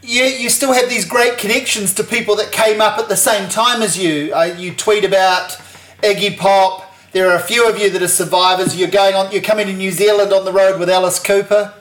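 A man's voice: sits high, steady tone, brisk, fairly bright tone, reverberant. Man on a breaking-up, distant phone line. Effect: breaking-up phone line, sounding far away. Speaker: radio interviewer. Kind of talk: phone interview.

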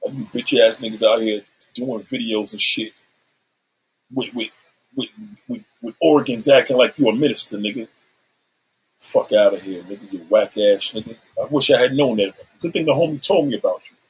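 A man in his seventies rants on a livestream, combative and profane, making threats and calling out his rivals. His medium-pitched voice moves at a normal speed with a breathy edge. The recording quality is low.

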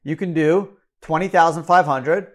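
A man with a Canadian accent explaining retirement contribution limits, brisk and number-heavy, correcting himself as he goes. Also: a little high. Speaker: financial educator. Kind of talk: explanatory talk.

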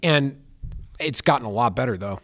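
A man's voice: mid-range voice, animated, normal speed, bright, forceful tone. A man co-hosting a casual podcast, making matter-of-fact points. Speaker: podcast co-host.

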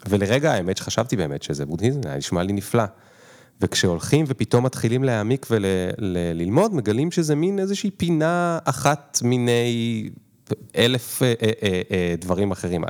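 A man's voice: mid-range voice, sing-song, a little mellow. A man hosting a podcast, asking long, searching questions and playing down his own knowledge. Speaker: podcast host. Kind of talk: interview questions.

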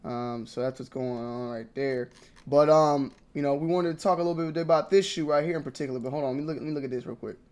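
A young man vlogging about sneakers in slangy, repetitive casual talk that swings between mumbling and loud outbursts. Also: a little high, fast talker. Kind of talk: casual ranting commentary.

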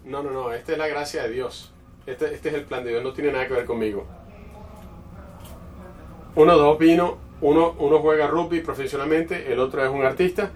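A man's voice: on the high side, moderate pace, darkish tone. A man preaching a sermon in a conversational storytelling way, often restarting his phrases. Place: church. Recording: distant mic with faint background noise.

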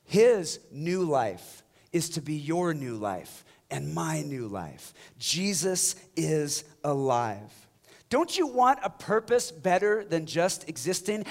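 A man preaching a passionate sermon as a pastor, swinging from loud exhortation down to hushed, near-whispered lines. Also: a little high, sing-song, slow pace, creaky.

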